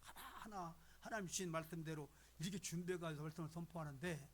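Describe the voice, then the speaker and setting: A man in his seventies, a retired pastor, preaching in a folksy, animated way that sometimes drops to a hush. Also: a little high, fast. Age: 70s. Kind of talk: sermon. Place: church sanctuary.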